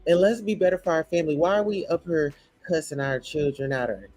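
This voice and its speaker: A man's voice: fairly high pitch, fairly quick, a little mellow, faint music behind. A man ranting in a blunt, profane, preachy commentary reacting to a show.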